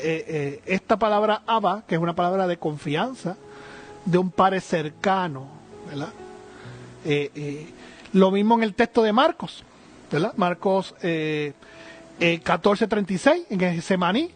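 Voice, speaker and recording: A man's voice: high-pitched, a little slow, faint music behind. A man teaching the Bible on a program, earnest and hesitant, with frequent fillers and tag questions.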